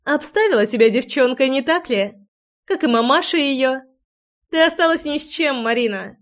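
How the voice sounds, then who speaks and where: A woman's voice: sits high, animated, normal speed, pitched above the performer's own voice. A woman reading a mocking, defiant captive young woman in an audiobook, taunting. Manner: taunting, laughing.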